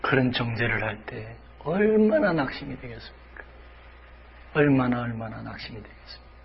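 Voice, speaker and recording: A man's voice: medium pitch, animated, normal speed, gravelly, dull audio. A male pastor preaching a sermon dramatically, dropping to whispers and rising to cries.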